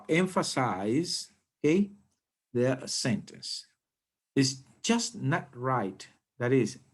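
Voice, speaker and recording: A man teaching an English grammar lesson, explaining slowly and deliberately and often checking in with the class. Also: mid-range voice.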